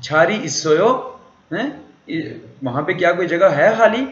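Unhurried yet animated, this slightly high male voice leads a language classroom lecture. He explains words and keeps testing his students with questions, in a dull, roomy recording.

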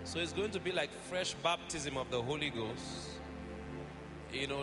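A male pastor leading worship and preaching at a pulpit microphone in a church, urging the congregation on. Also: mid-range voice. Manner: urgent, exhorting congregation. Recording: loud music under the voice. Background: loud worship music.

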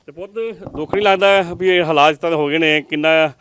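Fast-talking emotional male field reporter. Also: a little high, steady tone, noisy background. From Punjab. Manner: emotional, consoling, sympathetic. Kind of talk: on-the-spot flood report.

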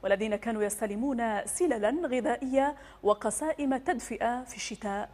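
A woman's voice: on the high side, quick pace, darkish tone. A woman in her thirties reading formal news as an anchor in a television studio.

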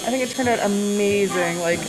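A woman getting a tattoo, chatting playfully and excitedly with the artist. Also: mid-range voice, brisk, over a noisy crowd. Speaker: tattoo client. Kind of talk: casual chat. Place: tattoo shop. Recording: roomy shop with loud music and tattoo-machine buzz.

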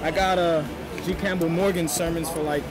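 A man's voice: fairly high pitch, fairly even intonation, moderate pace. A man shopping at a warehouse sale, talking enthusiastically about bargains with lots of fillers. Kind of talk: casual interview answers. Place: busy warehouse, indoors. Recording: noisy crowd behind.

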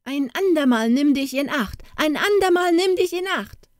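A woman voicing a poor, brave orphan boy who shouts out. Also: very high voice, expressive, moderate pace, no echo, clean studio sound, voice pushed up. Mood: shouting.

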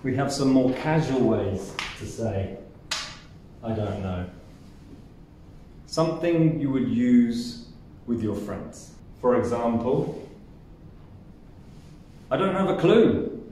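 A man's voice: mid-range voice, animated, slow pace, pauses often, mellow. A man with a New Zealand accent teaching English phrases, acting out each example with exaggerated intonation. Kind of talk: scripted language lesson. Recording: echoey room, mic at a distance.

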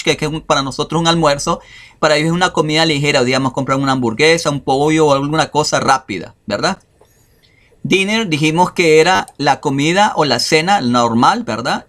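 Slow-talking male teacher. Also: on the high side, a bit bright. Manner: slow, repeats phrases and adds "verdad". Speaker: English teacher. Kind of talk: casual video lesson.

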